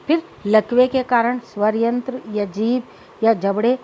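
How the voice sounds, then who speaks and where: A woman lecturer explaining childhood speech disorders in a measured teaching manner, slipping English terms into her explanations. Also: on the high side, steady tone, dull audio, a little hiss or hum. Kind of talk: recorded lecture.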